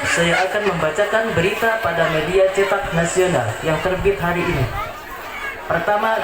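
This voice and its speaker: A high-pitched man delivers parody news like a mock-serious anchor. The recording is echoey and very noisy, with a loud crowd behind him. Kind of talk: comic mock news reading. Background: loud crowd and noise.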